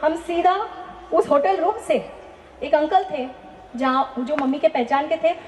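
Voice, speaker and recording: A woman's voice: high-pitched, a little slow, darkish tone, roomy sound, a little hiss or hum. A woman telling a personal faith testimony in an earnest, emphatic way, often asking rhetorical questions. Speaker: testimony speaker.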